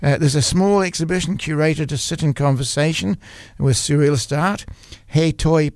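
A man hosting a community radio arts show, talking casually in a halting way that often stops to search for words. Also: a little high, a little mellow, no echo, clean studio sound. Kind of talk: casual radio talk about art exhibitions. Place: radio studio.

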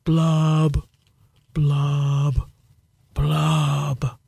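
A woman voicing a glum, gloomy male fish who mopes through a slow, sing-song refrain. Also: deep voice, monotone, creaky, warm tone, slightly rough, no echo, clean studio sound, pitched below the performer's own voice, full character voice.

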